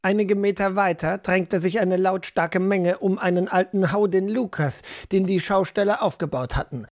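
A man narrating a fantasy audiobook in an even, storytelling manner. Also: sits high.

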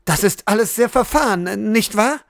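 Flustered woman mayor, stammering and hedging, put on by a man, lifted pitch. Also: animated, moderate pace, fairly bright tone, no echo, clean studio sound. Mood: hesitant. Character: hesitant overwhelmed middle-aged woman mayor.

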